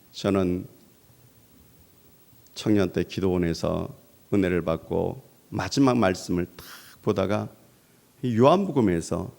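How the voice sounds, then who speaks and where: A man preaching a Sunday sermon as pastor, swinging between hushed and loud, dramatic passages. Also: vocal fry. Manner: preaching with dramatic swells of pitch and volume.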